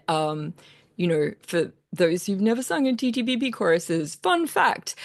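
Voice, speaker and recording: A woman's voice: lowish voice, no echo. Chatty Australian woman, dry close sound. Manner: chatty, self-deprecating, frequent fillers. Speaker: composer. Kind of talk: casual talk to a choir.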